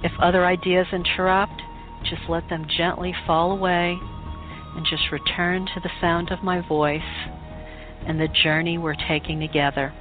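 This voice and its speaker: A woman guides a meditation in a calm, soothing voice on the low side, speaking very slowly with long pauses. The recording is thin and phone-like, with music clearly playing behind her.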